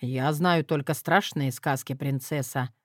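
A woman voicing a hoarse, gruff young man who grumbles wearily in an audiobook. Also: sits low, a little slow, no room sound, studio quality. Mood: wry. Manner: grumbling, weary.

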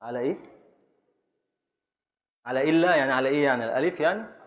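A man with an Egyptian Arabic accent teaches a classroom of students as a sheikh, speaking at an ordinary middle pitch. He drills them on poetic meter, drawing out syllables slowly and chanting them one by one. He calls on students by name and presses them for answers. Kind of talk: classroom lesson, quizzing students.

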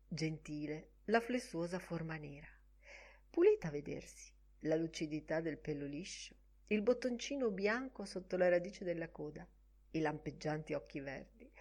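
A woman reads a literary novel aloud in a low-pitched voice. Her narration is expressive and often sinks to a soft hush at the ends of phrases. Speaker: audiobook reader.

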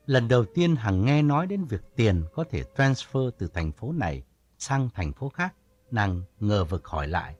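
A man narrating an audiobook story in a calm storytelling manner. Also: lowish voice, normal speed.

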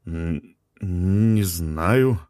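A man's voice: mid-range voice, big pitch swings, moderate pace, no room sound, studio quality. A man voicing a curt, cautious young male expedition leader in a clipped manner.

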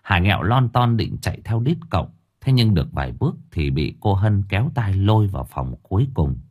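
A man narrating a story in a lively, colloquial way. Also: deep voice, a little fast, slightly rough, narrow, tinny audio. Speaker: audiobook narrator.

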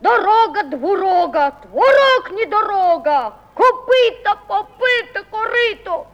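A woman's voice: extremely high pitch, lively intonation, slow, in a large hall, pitched above the performer's own voice, exaggerated voice. A woman voicing a stubborn young boy with short, sly answers in an old radio play.

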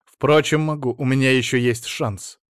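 A man's voice: medium pitch, fairly even intonation, moderate pace, clean tone, no echo, studio quality, close to an everyday voice. A man voicing a weary middle-aged male detective who speaks in a bitter, sardonic way in an audiobook. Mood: resolved.

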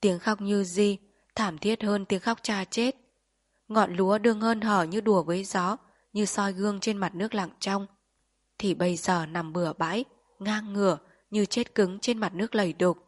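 Woman narrator, solemn measured storytelling, dramatic novel reading. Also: mid-range voice, steady tone. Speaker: audiobook narrator.

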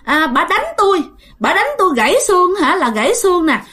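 A woman voicing a spiteful talking cat that accuses its owner in a shrill, indignant way. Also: very animated, a little fast, sharp tone, full character voice. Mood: accusing.

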